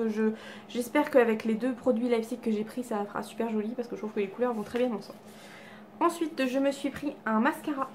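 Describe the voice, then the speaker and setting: A beauty vlogger at home, surrounded by cats, casually runs through her makeup haul on camera, self-deprecating, full of fillers, often restarting. Her voice is a little high and a little mellow, with a slight hiss or hum in the recording.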